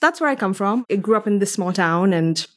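Her voice is medium-pitched, a bit bright, expressive and brisk: a young Kenyan woman from Mombasa who works in theatre. Guesting on a podcast, she shares personal stories in a thoughtful, well-spoken way.

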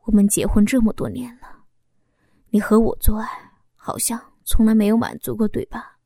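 A bitter, ashamed married man murmurs in whispered role-play, as a woman puts him on, his voice a breathy, unvoiced hush pitched a little below her own. The sound is close and dry, with no room around it. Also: sing-song, brisk, dry recording, heavily acted. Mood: weary. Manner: unvoiced whisper, low and hushed. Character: middle-aged husband, wounded, ashamed and bitter.

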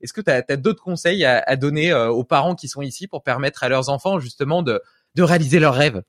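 A man's voice: medium pitch, brisk, no room sound, clean studio sound. A man in his thirties hosting an interview, talking enthusiastically with many fillers and casual asides. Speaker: podcast host. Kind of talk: interview conversation.

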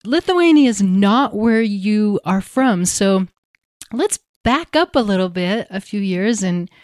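A woman's voice: mid-range voice, lively intonation, slow pace, darkish tone, no room sound, studio quality. A woman hosting a podcast, reading scripted intros and interviewing a guest in an upbeat, effusive way. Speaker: podcast host.

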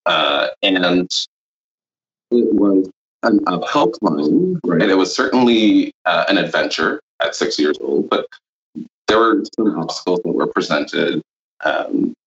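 A man from Honduras, a podcast guest, speaking reflectively and haltingly with many fillers. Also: low voice, lively intonation, a bit bright, roomy sound, muffled recording. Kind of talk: podcast interview.

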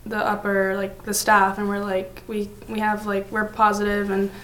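A teenage student from Atlanta answering interview questions, hesitant with lots of fillers. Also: female voice, mid-range voice, completely flat delivery, normal speed, a bit bright. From Atlanta, Georgia. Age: teens. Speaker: student guest. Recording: echoey room with faint noise.

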